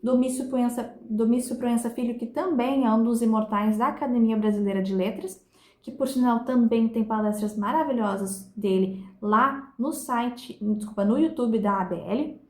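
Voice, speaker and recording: A Brazilian woman with a rather high voice teaches a recorded literature review lesson. She slows right down to read verses and split them syllable by syllable, keeping a patient, didactic manner. The sound is echoey, as if recorded in a reverberant room. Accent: Brazilian Portuguese.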